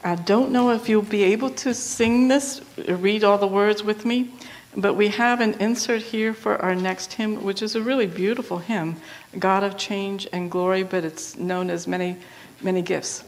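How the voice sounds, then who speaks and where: A woman pastor leads prayers in a church sanctuary, speaking gently and without hurry. Her voice trails off into a long church reverb. She stops now and then for informal asides to the congregation. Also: medium pitch, steady tone, moderate pace. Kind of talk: leading prayers in a church service.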